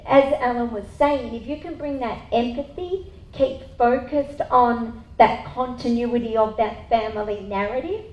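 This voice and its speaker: A woman speaking in a measured, thoughtful way as a panelist. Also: fairly high pitch, vocal fry, darkish tone, muffled recording. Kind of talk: panel discussion. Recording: echoey room.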